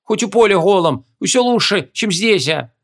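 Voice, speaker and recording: A man's voice: sits high, lively intonation, moderate pace, a bit bright, pitched above the performer's own voice. A man voicing a fearful, grumbling rustic innkeeper in his sixties, with folksy speech and a fretful whine. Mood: fearful pleading. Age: 60s.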